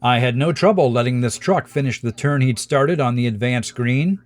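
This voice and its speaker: A man's voice: medium pitch, moderate pace. A man reading scripted voice-over narration as the host of a dash cam series.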